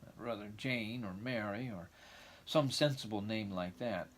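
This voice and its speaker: A shy old country farmer, played by a man, speaks in a hesitant, folksy drawl. He is a plain, slow-spoken storybook character who takes his time. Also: lowish voice. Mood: doubtful.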